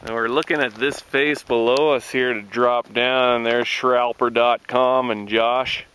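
A man's voice: medium pitch, fairly even intonation, unhurried, fairly bright tone, clean tone, poor audio. A man narrating casually as he films a ski tour outdoors on a snowy mountain, cheering on his companions in an upbeat way. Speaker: ski guide filming a tour. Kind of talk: casual narration while filming. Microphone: camera he holds while filming.

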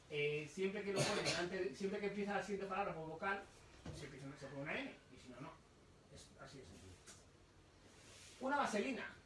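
A man presenting his book at a live bookshop talk, explaining slowly, repeating words and asking the audience questions. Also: sits high, a bit bright, a little hiss or hum. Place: bookshop event room. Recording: echoey room, voice from far off.

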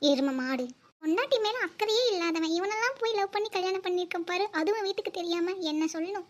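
A bossy young elder sister in a cartoon, voiced by a woman, scolding in a very high, squeaky voice. She rattles off her complaints quickly and bickers without pause. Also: animated. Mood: grumbling. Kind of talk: cartoon voice acting.

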